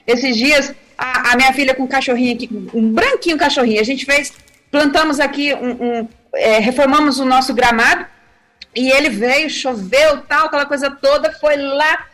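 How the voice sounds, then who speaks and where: High-pitched lady missionary chatting on tv about raising kids, acts out the quotes. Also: moderate pace. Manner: animated storytelling, acting out quotes, laughing. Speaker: missionary giving family advice on TV.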